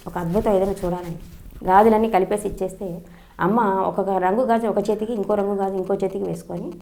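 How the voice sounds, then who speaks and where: An older woman from Andhra Pradesh speaks. She tells her memories at a brisk clip, earnest and eager, often restarting a phrase. Her voice sits at an ordinary middle pitch. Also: vocal fry, darkish tone. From Andhra Pradesh, India. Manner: fast, earnest storytelling with frequent restarts. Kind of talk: personal reminiscence.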